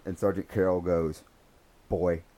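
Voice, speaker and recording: A man's voice: low-pitched, normal speed. A man and former police officer hosting a casual chat, telling stories with lots of energy and acting out other people's lines. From United States. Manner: animated storyteller, acts out voices in quotes.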